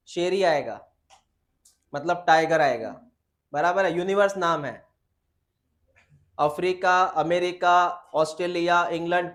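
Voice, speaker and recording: A biology teacher talks a class through a lesson in a high, lively voice. He keeps it informal, calls the students beta and fires questions he then answers himself. English textbook lines come out slow and deliberate. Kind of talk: classroom lecture.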